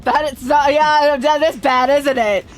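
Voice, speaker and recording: A woman streaming a game, chatting casually and reacting loudly with frequent laughs, her voice slightly hoarse. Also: sits high, a little slow, slight background noise. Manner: animated, reactive, laughs often. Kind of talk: casual live-stream commentary. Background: faint game music.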